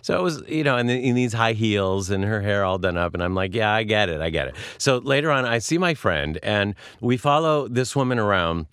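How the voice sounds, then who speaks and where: A man's voice: lowish voice, animated, normal speed, few pauses, a bit bright, clear, resonant tone, dry recording. A man hosting a talk show, telling a story in a rambling, self-deprecating way and stumbling over his words in a studio. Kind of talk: casual storytelling monologue.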